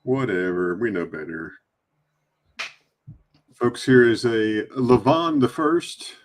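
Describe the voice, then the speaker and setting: A man presenting coins on a livestream, trading quick teasing banter with his co-host. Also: medium pitch, sing-song, a little hiss or hum. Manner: teasing, quick banter between coin descriptions. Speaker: livestream coin seller. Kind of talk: casual livestream chat.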